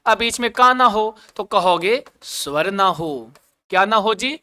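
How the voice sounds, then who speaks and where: Guy teaching an exam prep class, high bright clear voice, jokey, keeps quizzing then answering himself. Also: animated. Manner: playful, repeats questions and answers them himself; chants an opening prayer slowly. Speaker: Sanskrit teacher. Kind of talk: online exam coaching lesson.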